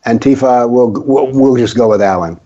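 A man's voice: medium pitch, moderate pace, dark tone. An older man from the American South, a guest author on a radio talk show, telling stories with a wry, sarcastic edge. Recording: dull lo-fi audio.

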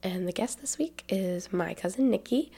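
A woman's voice: medium pitch, expressive, normal speed, creaky, mellow, slightly rough. A woman in her twenties with a Southern accent, hosting a casual podcast, chatty and full of ums and likes. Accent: Southern American. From Tennessee. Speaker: podcast host.

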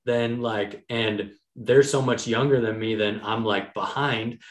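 A man in his thirties, an energetic and encouraging podcast host talking in casual chat. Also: medium pitch. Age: 30s. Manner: energetic, encouraging, fast-flowing talk. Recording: roomy echo.

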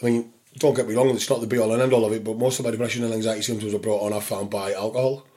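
Fast-talking British man, broad northern regional accent. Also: on the low side, little pitch movement, warm tone. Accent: broad Scottish or Cumbrian. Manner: sweary, slangy, matey. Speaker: podcast guest. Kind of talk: casual chat, anecdotal.

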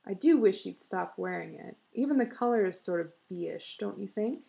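A woman voicing a fussy, anxious young wife and mother, speaking higher and louder with urgency. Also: lively intonation, moderate pace, creaky.

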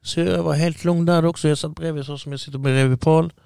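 A man's voice: a little high, fairly even intonation, gravelly, warm tone, clean tone, no room sound, studio quality. A man, the guest, telling a long story casually and acting out what people said to him.

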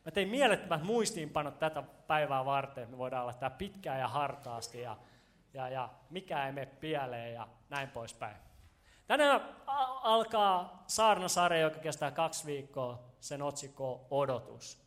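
A man preaching a sermon, telling a personal story in a casual, joking way and talking straight to the congregation. His voice rises and gets loud when he gets excited. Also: on the high side. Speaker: pastor. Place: church stage before a congregation.

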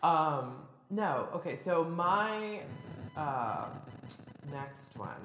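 A woman's voice: low-pitched, very animated, extremely slow, a bit bright, soft background music. A woman co-hosting a podcast, chatting casually and gushing enthusiastically about costumes. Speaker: podcast co-host. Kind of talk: casual chat. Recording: roomy room echo.

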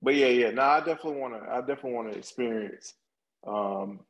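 A man with a mid-pitched voice talks casually among friends. His delivery is halting and hesitant as he feels his way through what he wants to say. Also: lo-fi sound.

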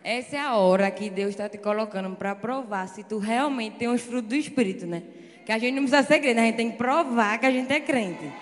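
A woman's voice: fairly high pitch, brisk. A woman from the congregation, giving earnest, preachy advice. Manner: shy at first, then earnest and preachy. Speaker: church member answering. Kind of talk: spontaneous advice. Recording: echoey church hall.

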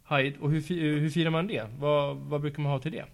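Patient man gently questioning kids. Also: on the high side, fairly even intonation, creaky. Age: adult. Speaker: school after-school staff interviewer. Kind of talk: casual interview with children. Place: school. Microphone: handheld mic passed to pupils.

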